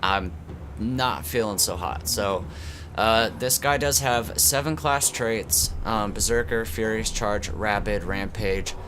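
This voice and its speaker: A man's voice: lowish voice, takes it slowly, background noise. A man with a stuffy, congested voice from a cold, like he is talking through a tube, rambling casually as he hosts his gaming channel. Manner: rambling, loose, with many fillers and restarts. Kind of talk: casual gameplay commentary.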